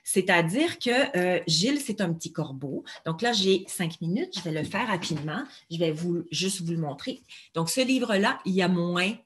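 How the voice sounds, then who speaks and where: A woman's voice: on the low side, lively intonation, normal speed. A woman presenting an early literacy workshop, theatrical and given to character voices and whispers when she reads aloud.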